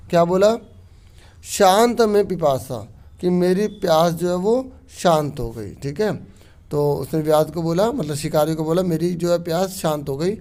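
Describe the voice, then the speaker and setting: Male teacher, fairly high voice, patient worksheet walkthrough; slow reading, casual explaining. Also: mellow. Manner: reads Sanskrit slowly then explains in quick casual Hindi, with frequent "theek hai". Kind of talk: explaining a Sanskrit worksheet to students.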